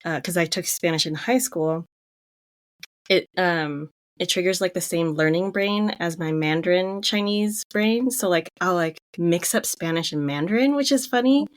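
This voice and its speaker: A young woman from Connecticut, USA, for whom English is a third language, co-hosts a book club podcast, chatting casually with easy laughter and lots of "like." Her voice is on the low side at a normal pace, and the recording is dry.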